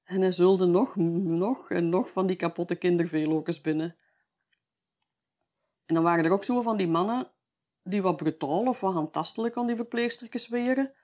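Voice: mid-range voice, normal speed, a little mellow. Brief: Flemish-accented local storyteller, folksy oral telling, conversational tags at the end of lines. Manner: chatty, tags sentences with "hè".

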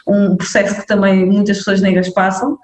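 At a medium pitch, a young woman from northern Portugal chats casually as an interview guest. Her delivery is lively, packed with fillers and quick checks with the listener, and the room adds a roomy echo.

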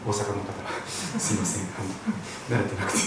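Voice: deep voice, animated, normal speed, heavy background noise. A pastor from Shikoku giving an earnest, emphatic sermon in a church. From Shikoku, Japan. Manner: earnest, emphatic preaching with hymn singing. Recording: very echoey hall, voice from a distance.

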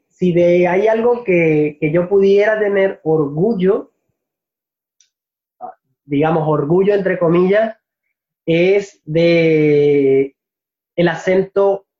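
A man from Venezuela with a high voice talks about teaching Spanish in a relaxed interview. He is reflective, often pauses to find the right word, and laughs easily. The recording is dull and lo-fi. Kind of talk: casual interview answers.

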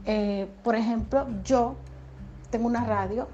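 A woman from the Dominican Republic with a softened Dominican accent, hosting a podcast in an encouraging, chatty way with frequent fillers. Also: on the high side, unhurried, highs cut off, faint music behind. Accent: Dominican Spanish, softened toward neutral. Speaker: podcast host and radio announcer. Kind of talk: casual motivational podcast talk.

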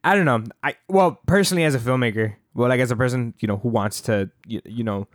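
A man co-hosting a relaxed podcast chat about movies, stumbling over his words and restarting often. His voice sits at an ordinary mid pitch in a dry, close recording. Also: fast talker, no echo. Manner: hesitant, stammering, laughing, swearing. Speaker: podcast co-host. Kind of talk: casual chat about films.

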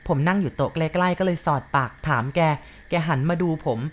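A woman tells a ghost story at an even, unhurried pace. Her voice sits a little low for a woman, and she keeps the reading calm and steady.

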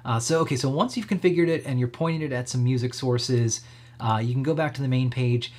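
This man hosts a tech stream, guiding viewers through software in a relaxed, cheerful, approving manner; his voice is medium-pitched and fairly quick.

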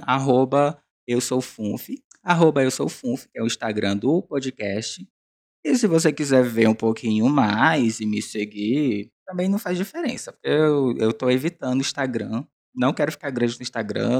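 A Brazilian man with a hoarse smoker's rasp, hosting a solo podcast in a casual, rambling, self-deprecating, confessional way. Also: medium pitch. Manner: self-deprecating, chatty, digressive.

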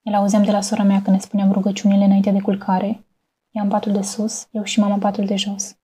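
A woman in her twenties from Romania, reading a scripted personal narration in a calm, measured way. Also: medium pitch, breathy edge. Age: 20s.

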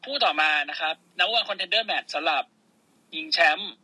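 A man tells wrestling results in a casual, excitable rush, swearing freely as he narrates the action blow by blow. His voice is very bright and somewhat husky, sitting a little high for a man. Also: measured pace, dry recording, poor audio. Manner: excitable, swearing, play-by-play storytelling. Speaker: podcast co-host.

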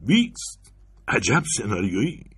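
A man's voice: lowish voice, wildly swooping pitch, husky, pitched above the performer's own voice, heavily acted. Man doing a sour, mocking critic. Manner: sarcastic, mocking. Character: sarcastic middle-aged male critic, sour, mocking.

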